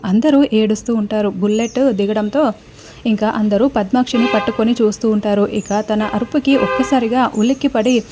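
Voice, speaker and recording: Telugu-accented woman, serial recap narration, fairly high voice, mellow tone. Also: fairly even intonation, a little fast, slight background noise. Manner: plain retelling with frequent restarts.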